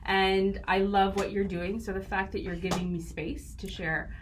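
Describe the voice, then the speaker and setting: A woman's voice: medium pitch, level tone, moderate pace, background noise. A woman, a guest talking earnestly and reflectively in a casual podcast interview. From Canada. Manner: earnest, reflective, with frequent fillers.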